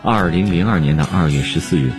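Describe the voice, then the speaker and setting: A male radio host reading a scripted segment in a measured, formal way. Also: low voice. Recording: radio voice over music bed. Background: guitar music.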